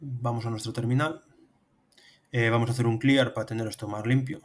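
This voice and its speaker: Here a thirties-aged instructor with a Spanish accent from Spain narrates a programming tutorial over an on-screen demonstration, step by step. His medium-pitched voice holds a steady tone and moves a little fast.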